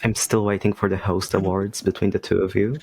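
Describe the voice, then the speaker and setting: A Polish man in his twenties, a native Polish speaker, chats as a podcast guest over a video call; he is a writer and game master. His low voice is gravelly, husky, and a little mellow, level in tone and fairly quick, and he speaks hesitantly with many ums and restarts.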